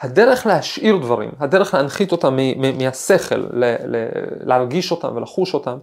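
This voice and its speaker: A man at a mid pitch hosts a podcast as a professor. He talks reflectively, weaving personal anecdotes into the ideas, often pausing to search for words. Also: darkish tone. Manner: thoughtful, storytelling, frequent hesitations.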